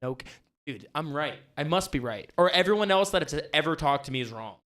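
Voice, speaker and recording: A man's voice: a little high, lively intonation, brisk, a bit bright. A young man co-hosting a casual podcast, talking in a laid-back way with lots of filler words and swearing. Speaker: podcast co-host.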